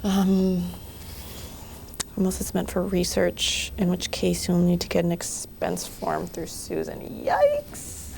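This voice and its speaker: Unbothered female office worker, slow, dry muttering, lowish voice, as an actress plays her. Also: steady tone, gravelly, darkish tone, a little hiss or hum. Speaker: office worker reading emails. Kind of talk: mockumentary.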